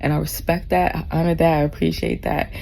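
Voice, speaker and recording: Nearly forty at 39, a woman vlogs from a cruise ship cabin, drunkenly rambling to camera, effusive and heartfelt, swearing freely and losing her thread. Her deep, mellow voice has vocal fry and a flat delivery, fairly quick, with faint background noise.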